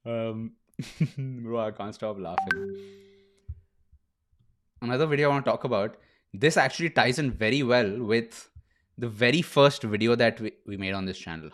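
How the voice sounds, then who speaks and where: A young man hosting a casual livestream, chatting loosely, laughing often and saying bro and dude a lot. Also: mid-range voice. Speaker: streamer host.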